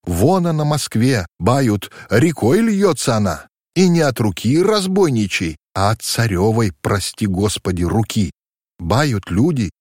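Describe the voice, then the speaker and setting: A man voicing an eager, warm-hearted young merchant's daughter, talking in an animated folksy way in a storybook reading. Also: fairly low pitch, no echo, clean studio sound.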